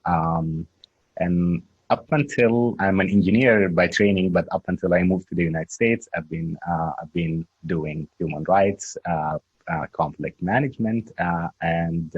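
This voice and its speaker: A man from Sudan speaking as a human rights activist on a panel, measured and hesitant. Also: sits low, breathy edge, no echo, dull audio. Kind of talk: panel talk.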